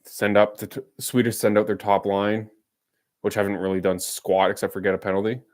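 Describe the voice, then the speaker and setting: A man's voice: fairly low pitch, flat delivery, a little fast, darkish tone. A man streaming a live watch-along of a hockey game, calling the play and bantering with viewers in a teasing, casual way. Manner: chatty, teasing, jumps between play-by-play and banter.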